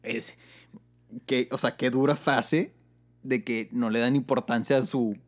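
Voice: medium pitch, steady tone, unhurried. A co-host, chatting casually and joking with their co-host. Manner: playful, laughing, joking. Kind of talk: casual podcast chat.

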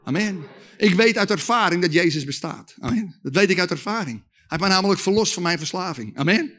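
A man preaching a sermon with testimony, leading lively call-and-response with the audience and shouting at the climaxes. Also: high voice, fairly quick.

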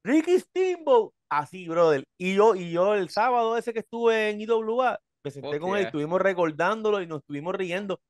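A man, a professional wrestler, telling animated stories in casual chat and acting out voices. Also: sits high, fairly quick, hardly any pauses, no echo, clean studio sound. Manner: animated storyteller, acts out voices, says brother.

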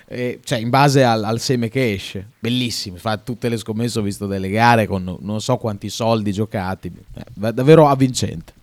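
A man's voice: lowish voice, moderate pace, hardly any pauses, no echo. A man chatting casually as a co-host on a talk show. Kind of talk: casual chat.

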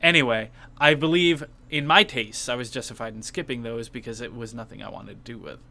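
Brisk and forceful, this co-host's mid-range voice sounds creaky and bright as he chats through a casual game-awards discussion on a video game podcast. He speaks candidly, tossing in enthusiastic asides and casual swearing.

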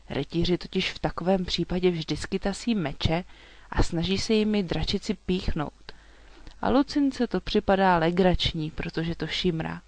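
Calm children's storybook narrator, dry close sound. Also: mid-range voice, dry recording.

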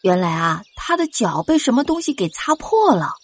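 A woman narrating a children's story, gently speaking to young listeners. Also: a little high, big pitch swings, moderate pace, no echo. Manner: gentle, addresses children directly.

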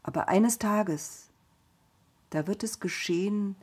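A solemn old patriarch, put on by a woman storyteller. He speaks slowly in an audio story, each word weighed like a blessing. The voice stays husky and restrained. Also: mid-range voice, steady tone, darkish tone, pitched above the performer's own voice, lightly acted. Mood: toneless. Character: old blind patriarch father, solemn then distraught.

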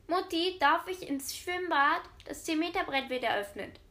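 A woman voicing a cheeky, quick-witted little schoolboy in a read-aloud joke. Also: very high-pitched, pushed and bright, voice pushed up, exaggerated voice. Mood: pleading.

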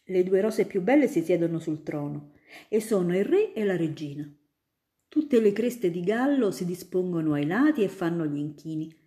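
A woman's voice: on the low side, normal speed, lightly acted. A woman voicing a kindly young male student who tells a little girl fanciful stories in a storybook reading. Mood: enthusiastic. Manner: animated storytelling. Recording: roomy echo.

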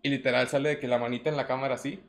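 A man with a Mexican accent chatting casually as a podcast co-host, telling animated stories and acting out quotes. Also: racing. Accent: Mexican Spanish. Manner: animated storyteller, acts out quotes in a higher voice. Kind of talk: casual chat about music cameos.

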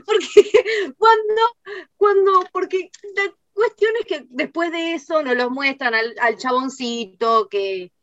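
A young woman with a Rioplatense accent, co-hosting a film podcast and retelling scenes in a fast, exasperated way. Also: high-pitched, no echo, dull audio. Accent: Rioplatense Spanish. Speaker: podcast co-host. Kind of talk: casual film review chat.

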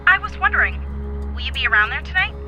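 A woman's voice: high-pitched, very animated, fast talker, pushed and bright, highs cut off, faint music behind, heavily acted. A woman playing an artificial being that imitates a teenage girl in an audio drama, cheery on top and scheming underneath. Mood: feigned friendliness. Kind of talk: scripted audio drama acting.

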